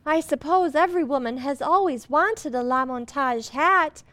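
An actress playing a sweet, excitable young housewife with a wholesome, earnest manner in a radio comedy. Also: female voice, sits high, moderate pace, no room sound. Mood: admiring. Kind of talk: old-fashioned radio comedy acting.

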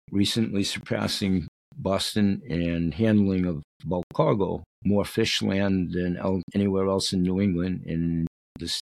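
A man's voice: fairly low pitch, vocal fry, breathy edge, no room sound, poor audio. A middle-aged man, hosting and reading aloud from a book, with rambling, repetitive asides of his own. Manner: digressive, repeats himself. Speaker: show host reading from a book.

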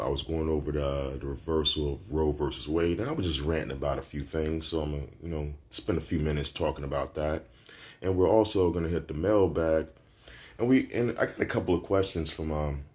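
Deep-voiced new york guy from brooklyn, solo podcast, slangy and cussing, voice jumps up for punchlines. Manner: animated storyteller, slangy and profane, jumps up in pitch for punchlines. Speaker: podcast host. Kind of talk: casual solo podcast storytelling.

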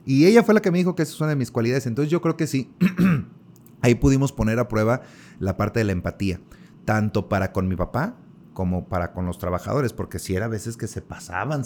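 A man with a Mexican accent, a guest in a casual interview, telling stories in relaxed, slangy talk. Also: mid-range voice, fairly quick, a little hiss or hum. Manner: relaxed, storytelling, uses colloquial slang.

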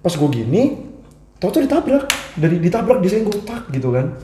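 Animated storyteller, young man. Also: high voice, brisk, slight background noise. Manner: animated, acts out quoted voices, frequent restarts. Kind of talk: casual storytelling chat. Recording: echoey room.

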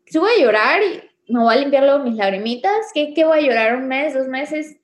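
A young woman talks frankly and animatedly, sprinkling her speech with fillers. Her voice sits high. The recording carries a noticeable room echo. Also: lively intonation, fairly quick. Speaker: podcast co-host. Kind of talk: casual chat.

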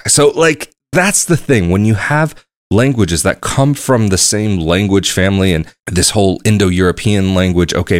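Deep-voiced and recorded dry in studio quality, a young adult man talks on his own for a travel podcast. It's a casual monologue where he rambles and works through his thoughts out loud.

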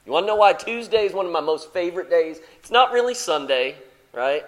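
A man preaching to his congregation in a playful, animated way. His voice sits high for a man. He drops to soft asides, then bursts out with excitement. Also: fairly quick. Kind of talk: sermon.

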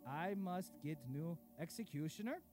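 An actor playing a cruel, boastful dark lord king reading his diary in broken grammar, in a comedic audio sketch. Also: on the high side, animated, moderate pace, over music, lightly acted. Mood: pompous.

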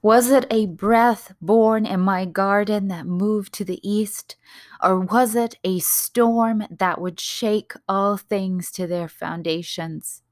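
A woman giving a dramatic, reverent reading of a narrative poem, hushed and lingering on words. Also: medium pitch, fairly even intonation, slow pace, hardly any pauses, no room sound, clean studio sound.

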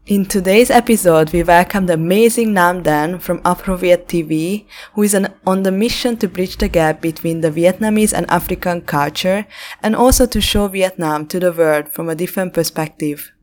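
A woman's voice: on the low side, normal speed, darkish tone. A woman hosting a podcast interview, introducing her guest with enthusiasm. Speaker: podcast host.

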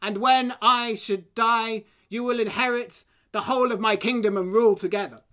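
A woman voicing a stern, commanding king in a told folk tale, speaking loudly and slowly. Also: mid-range voice, fairly even intonation, smooth. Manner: loud, proclamatory.

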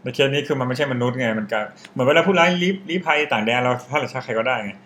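A man's voice: mid-range voice, lively intonation, racing, a bit bright, a little hiss or hum. A young man co-hosting a casual podcast, explaining at length in a rambling, offhand way and openly admitting he is guessing. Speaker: podcast co-host.

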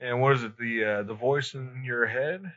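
In a casual podcast conversation, a man speaks with laid-back, hesitant phrasing in a steady, mid-range, slightly bright voice at normal speed. The lo-fi recording is a bit muffled.

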